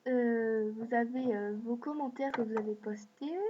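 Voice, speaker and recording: A woman's voice: a little high, steady tone, unhurried. A woman hosting a screen-recorded app walkthrough, talking in a hesitant way with many fillers. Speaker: video host. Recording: dull lo-fi mic with faint hiss.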